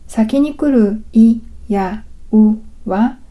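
A woman reads a language lesson at an unhurried pace, leaving room for the listener to repeat. Her voice is dark and mellow yet sits slightly high. She sounds careful and patient throughout. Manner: slow, careful, patient delivery with drills. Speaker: language teacher.

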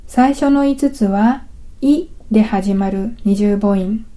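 Slow, mellow-voiced woman teaching a language. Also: mid-range voice. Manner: slow, careful, patient delivery with drills. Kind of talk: scripted language lesson.

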